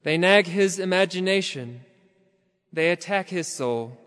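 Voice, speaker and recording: A high-pitched man delivers a sermon in a slow, measured cadence, occasionally rising into something close to a chant. His voice is smooth, resonant, animated and a bit bright, and a long reverb follows him as though in a large church.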